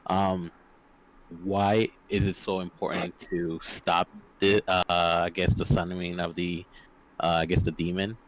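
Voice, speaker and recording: Male player, very deep voice, slow halting speech. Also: little pitch movement, rough recording. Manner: halting, searching for words. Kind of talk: playing a tabletop game.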